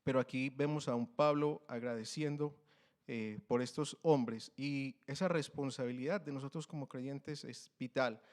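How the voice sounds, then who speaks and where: A man's voice: medium pitch, steady tone, moderate pace. Earnest Spanish-speaking male preacher. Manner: earnest, hesitant, many fillers and restarts, louder when reading scripture. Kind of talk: sermon with Bible reading.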